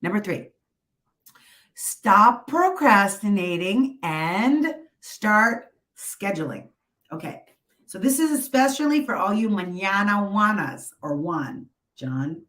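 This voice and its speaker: A woman's voice: mid-range voice, expressive, takes it slowly, fairly bright tone. A middle-aged woman speaking as a life coach, giving a chatty, emphatic motivational talk straight to viewers. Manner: chatty, emphatic pep-talk delivery with rhetorical check-ins. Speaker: motivational speaker and coach hosting a live stream.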